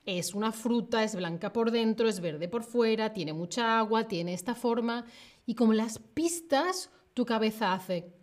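Southern spanish lady teacher, slightly high voice, slow and clear, repeats stuff a lot. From southern Spain. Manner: slow, clear, repeats clues, laughs often. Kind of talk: live online Spanish lesson.

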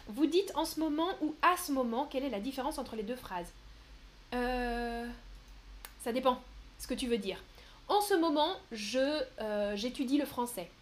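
A high-pitched woman hosts a live French lesson, reading chat questions and explaining grammar slowly with plenty of examples. She pauses often with little fillers and keeps a friendly, easygoing teaching manner. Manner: patient, explains slowly with examples and frequent "euh"; playful, laughs at her own mistakes. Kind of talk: live-stream language lesson.

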